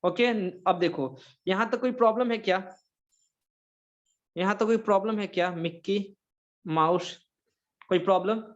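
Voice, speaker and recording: High-voiced Indian man teaching a class. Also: normal speed, pauses often, lo-fi sound. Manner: mixes Hindi and English, repeats checking questions. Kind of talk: online English grammar lecture.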